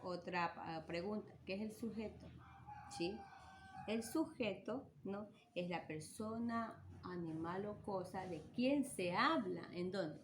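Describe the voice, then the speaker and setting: Woman, teacher, slow patient explanation, lowish voice, noisy background. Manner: slow, patient, checks with frequent tag questions. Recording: clear background noise.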